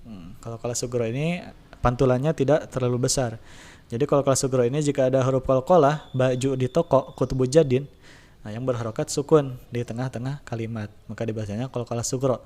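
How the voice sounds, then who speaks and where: A man teaching a tajwid lesson, in a relaxed explaining voice, slowly drawing out recitation examples. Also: medium pitch. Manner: slow drawn-out recitation demos between relaxed explanations. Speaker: religion teacher.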